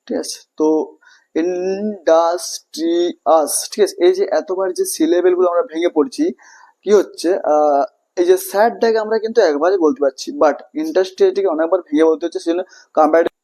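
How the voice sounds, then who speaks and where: Bengali male teacher, high voice, repeats himself, keeps checking the class follows. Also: fast, mellow. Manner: repetitive, checks understanding often, asks and answers own questions. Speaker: English teacher. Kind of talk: classroom grammar lesson.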